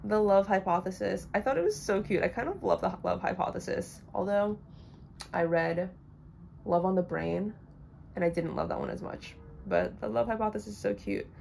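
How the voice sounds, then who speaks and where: A woman's voice: mid-range voice, moderate pace, vocal fry, a little mellow, a little hiss or hum. A young woman casually rambling through blunt opinions on books she has read, with lots of fillers. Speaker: book vlogger. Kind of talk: casual chat.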